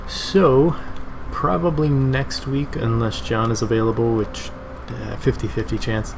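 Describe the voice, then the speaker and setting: A man livestreaming a game in casual, rambling and halting chat. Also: mid-range voice, fairly even intonation, gravelly. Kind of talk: casual stream chat over gameplay. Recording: game music, fan noise behind. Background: game music and a fan.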